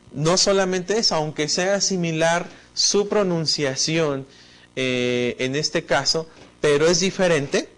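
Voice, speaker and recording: Man, teacher lecturing, explanatory, higher voice. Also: fairly bright tone. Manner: explanatory, addresses the student directly. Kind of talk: online lecture on spelling.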